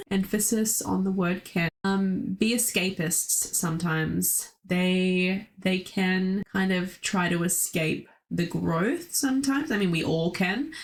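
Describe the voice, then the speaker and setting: A woman co-hosting a podcast, chatting enthusiastically with frequent laughs and fillers. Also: mid-range voice. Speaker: podcast co-host. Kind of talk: casual astrology chat.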